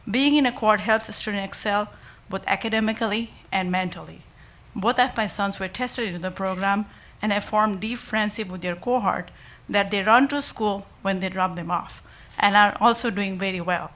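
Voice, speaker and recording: A woman's voice: medium pitch, normal speed, fairly bright tone. Earnest mother pleading. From Nepal. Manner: earnest and emotional, pleading with the board. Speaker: parent giving public comment. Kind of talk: public comment at a school board meeting. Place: school board meeting room.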